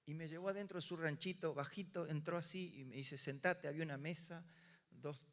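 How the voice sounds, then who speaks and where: An older Argentine pastor with a Rioplatense Spanish accent preaches from the pulpit and acts out each voice in his story. His voice sits a little high for a man. The room's long reverb trails after his words. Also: a little fast. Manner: animated storyteller acting out dialogue. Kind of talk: sermon storytelling.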